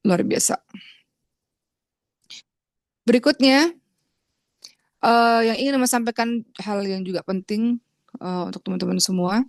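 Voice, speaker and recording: A woman's voice: fairly even intonation, a little slow, long pauses, no room sound, clean studio sound. A woman from Indonesia giving an earnest religious lecture, talking straight to her listeners as friends and acting out pleading prayers. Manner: earnest, acts out pleading prayers with rising pitch; addresses listeners as friends, refers to herself as Uma. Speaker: preacher.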